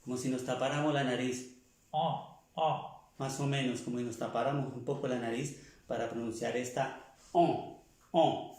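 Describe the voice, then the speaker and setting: A man's voice: mid-range voice, level tone, a little fast, a little mellow, distant mic. A man teaching a language lesson, explaining pronunciation patiently and repeating each sound several times. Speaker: French teacher. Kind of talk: slow classroom explanation. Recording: echoey room, voice from off-mic.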